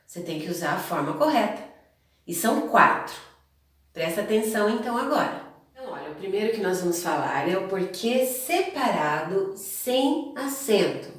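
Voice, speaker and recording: A woman's voice: mid-range voice, very animated, moderate pace. Female teacher, explanatory classroom delivery, recorded from a distance in a very echoey room. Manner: explanatory, repeats points, addresses students directly. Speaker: Portuguese teacher. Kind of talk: grammar lesson to students.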